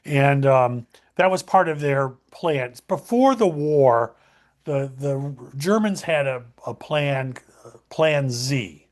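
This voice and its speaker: A man's voice: mid-range voice, animated, slow. A man hosting a casual history talk, rambling with many fillers and self-corrections.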